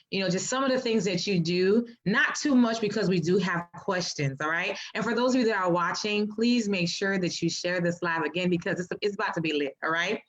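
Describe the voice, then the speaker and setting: A woman hosting a live-stream interview, talking in a lively, informal, chatty way. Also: fairly low pitch. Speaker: host. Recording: dull lo-fi stream audio.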